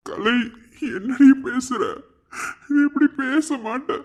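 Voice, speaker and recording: A man's voice: extremely high pitch, takes it slowly. A man voicing a devoted, heartbroken young college man in a cartoon love story, pleading and near tears. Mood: anguished pleading.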